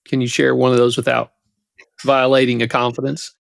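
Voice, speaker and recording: A man's voice: medium pitch, monotone, fairly quick, vocal fry, dry recording, clean studio sound. A man hosting a podcast interview, asking his guest short prompting questions. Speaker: podcast host.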